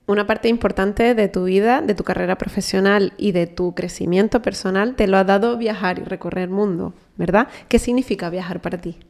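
A woman's voice: mid-range voice, brisk, creaky, few pauses, darkish tone. A woman hosting an interview, asking questions casually and searching for words as she goes. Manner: searching for words, repeats herself. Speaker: interviewer, host.

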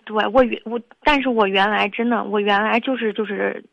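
A woman in her twenties calling in to an advice show, speaking hesitantly and haltingly. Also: medium pitch, steady tone, gravelly, no room sound. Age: 20s. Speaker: caller. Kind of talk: call-in conversation. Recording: dull lo-fi phone line.

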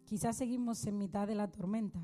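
A woman's voice: medium pitch, fairly even intonation, brisk, mellow, faint music behind. A woman preacher giving a sermon in a conversational way, asking rhetorical questions and building to fervent appeals.

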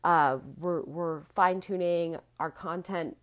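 A woman's voice: fairly low pitch, fairly even intonation, slow. Laughing, chatty woman podcast host. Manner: laughs often, swears casually, talks with many likes. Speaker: podcast host and wellness coach. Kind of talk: casual solo podcast talk.

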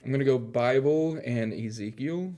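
A man co-hosting a church podcast, answering quiz questions with quick, upbeat guesses in casual chat. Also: mid-range voice, warm tone.

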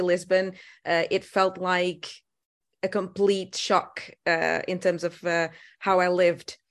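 Portuguese-accented midlife woman, podcast guest. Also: lowish voice. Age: middle-aged. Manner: thoughtful, many fillers and restarts. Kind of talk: casual interview.

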